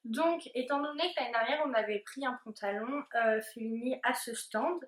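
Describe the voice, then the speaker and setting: A young woman explains what she bought in a casual, hesitant way, with plenty of fillers. Her voice is slightly high, and the recording has a roomy echo. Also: moderate pace. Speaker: vlogger. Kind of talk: casual haul video chat. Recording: echoey room.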